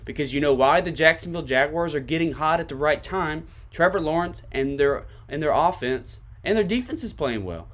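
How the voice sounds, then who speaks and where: A man's voice: fairly high pitch, lively intonation, normal speed, few pauses, fairly bright tone. A man with a Tennessee accent hosting a sports podcast, giving emphatic commentary to his listeners and repeating his points for stress.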